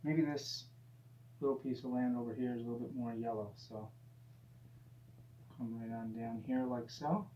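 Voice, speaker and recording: A man teaching painting in a gentle, easygoing, encouraging way, casually talking through each step as he demonstrates. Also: mid-range voice, fairly even intonation, normal speed, pauses often. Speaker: painting instructor. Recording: dull, roomy sound with faint hum.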